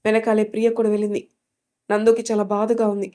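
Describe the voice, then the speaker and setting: Brief: woman narrator for a read-aloud love story, measured and mellow. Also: mid-range voice, monotone. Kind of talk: scripted narration.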